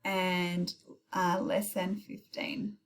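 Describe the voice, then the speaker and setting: Speaking extremely slowly, a woman with a fairly low, level voice works through calculator steps in a casual recorded maths tutorial. She thinks out loud, fixes her own mistakes and offers quick apologies. Outside, heavy rain is pouring.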